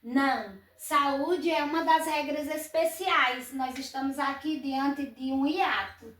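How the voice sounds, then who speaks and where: Woman teacher, patient and step by step, high voice, roomy echo. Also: slow, a bit bright, far from the mic. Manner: patient, asks and answers her own questions. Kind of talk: explaining grammar exercises. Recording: echoey room, voice set back from the mic.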